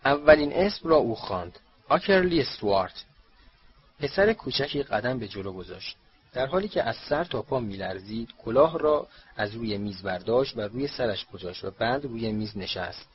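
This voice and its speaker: A man narrating a storybook audiobook in a steady reading voice, on a dull lo-fi recording. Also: lowish voice, slightly rough.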